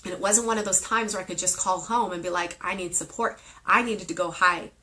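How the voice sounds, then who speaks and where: A woman's voice: lowish voice, quick pace, sharp tone, low-quality recording. A woman in her thirties giving an earnest, emotional spiritual talk on a live video stream, then leading a guided meditation. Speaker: meditation teacher. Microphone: phone or webcam on a live video stream.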